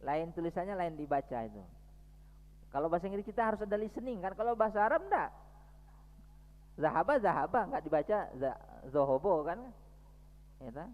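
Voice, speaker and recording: A man teaches at a mosque study session, lively as he reads passages aloud and then explains them. His voice sits fairly high. The hall gives it a long, ringing reverb, and the recording sounds dull and lo-fi. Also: quick pace. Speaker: preacher.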